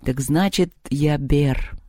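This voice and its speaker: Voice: medium pitch, darkish tone, no room sound, clean studio sound, close to an everyday voice. Бер, a fierce growling bear-spirit boy as a reader voices him. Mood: gruff. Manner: slow, growling, commanding.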